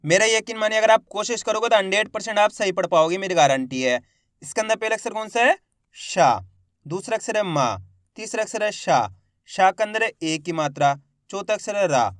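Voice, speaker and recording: Male reading teacher, drawn-out syllable-by-syllable delivery, encouraging tone, crisp close dry recording. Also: sits high, animated, no echo. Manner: sounds out each syllable loudly, then blends the word; addresses viewers as friends, encouraging. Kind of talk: slow syllable-by-syllable reading lesson.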